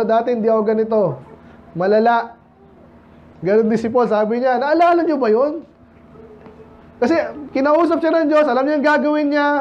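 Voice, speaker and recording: On a muffled recording, a pastor from the Philippines speaks in a very high-pitched voice. He preaches conversationally, asking his congregation questions and weaving quoted English scripture into Tagalog.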